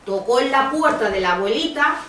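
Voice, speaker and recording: Woman storyteller, sing-song, high voice, distant, echoey, noisy. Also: expressive, a little fast. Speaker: storyteller mother. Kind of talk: storytelling to small children. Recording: echoey school hall from far off, noisy.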